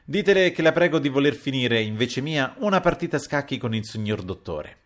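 A man's voice: mid-range voice, big pitch swings, fairly quick, pitched above the performer's own voice, natural voice. A man reading a novel aloud and voicing a stern, imperious older count who gives curt orders. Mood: brisk. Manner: curt, commanding. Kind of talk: audiobook character voice.

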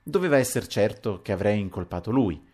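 A man with a low voice reads a literary novel aloud as a first-person audiobook narration. He moves expressively between hushed narration and raised, acted dialogue. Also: lively intonation, fairly quick. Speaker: audiobook reader.

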